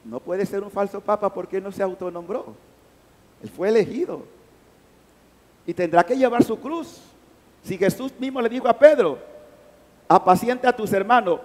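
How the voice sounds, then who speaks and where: Panamanian priest, higher-pitched man, sermon voice that swells and drops, long church reverb. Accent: Panamanian Spanish. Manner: emphatic, rising and falling loudness. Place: large church.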